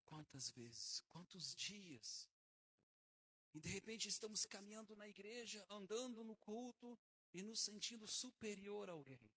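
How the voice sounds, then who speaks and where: A man preaching a sermon, emphatic, swinging between hushed and loud passages. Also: high-pitched, animated, a little slow, no echo, poor audio.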